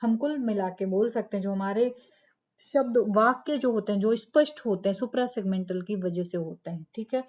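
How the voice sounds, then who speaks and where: A woman's voice: mid-range voice, moderate pace, lo-fi sound. A woman teacher giving a lecture, explaining step by step, asking rhetorical questions and checking in with "ठीक है". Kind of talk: classroom lecture.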